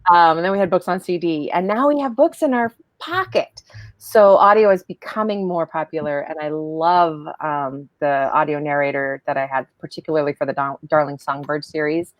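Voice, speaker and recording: A middle-aged woman talks in a fairly low register with very little room sound. She is a guest author in a casual chat. Her delivery is animated, conversational and emphatic. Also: moderate pace, dry recording, dull audio.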